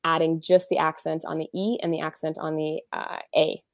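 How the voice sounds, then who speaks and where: A woman's voice: low-pitched, little pitch movement, fairly quick, gravelly, no echo. A woman in her thirties, an author being interviewed over a video call, talking casually with lots of fillers and restarts. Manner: chatty, many fillers and restarts. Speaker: author and illustrator guest.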